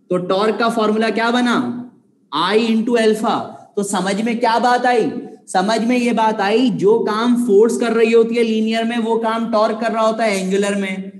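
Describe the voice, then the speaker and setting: A man's voice: high-pitched, steady tone, normal speed. A man teaching a physics class online, patiently repeating key points and asking his students rhetorical questions. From Pakistan. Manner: addresses students affectionately as children. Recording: echoey room.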